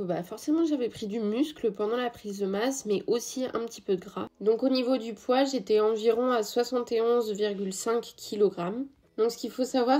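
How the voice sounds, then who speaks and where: With a somewhat high, slightly mellow voice in a roomy-sounding space, a young woman explains her fitness routine in a chatty vlog. She talks straight to her viewers and fills her speech with frequent fillers.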